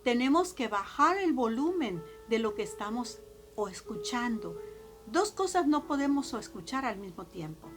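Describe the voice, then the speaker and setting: Woman preacher, Mexican accent, slow emphatic sermon delivery, fairly high voice, soft instrumental music underneath. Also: very animated. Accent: Mexican Spanish.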